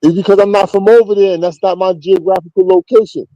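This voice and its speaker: A blunt, slangy man from Queens tells his street stories in a New York accent. His voice is dark and mellow, a little higher than most men's. The sound is close and dry. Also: fairly even intonation, quick pace, no room sound, dull audio. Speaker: interview guest. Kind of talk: casual street storytelling.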